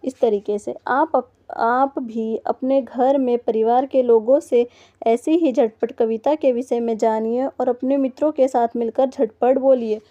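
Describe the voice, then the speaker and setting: A woman's voice: a little high, fairly even intonation, measured pace, mellow. A woman teaching a first-grade textbook lesson to young children, patiently sounding out words letter by letter. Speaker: primary school teacher. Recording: dull lo-fi recording.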